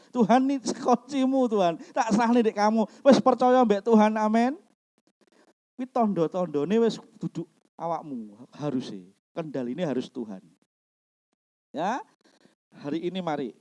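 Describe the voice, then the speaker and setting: A male pastor preaches a lively sermon in church, his pitch rising and falling freely as he acts out quoted voices. His tone is dark and mellow, and he slips between Indonesian and phrasing.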